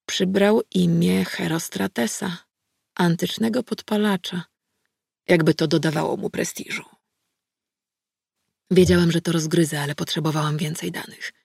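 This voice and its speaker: A woman narrating a first-person audiobook in a calm, measured reading voice. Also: lowish voice, gravelly, slightly rough, no echo, clean studio sound.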